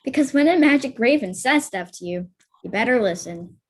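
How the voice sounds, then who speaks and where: A woman's voice: fairly high pitch, lively intonation, fairly quick, slightly rough. A woman playing a matter-of-fact fairy-tale storyteller, narrating a comic stage play.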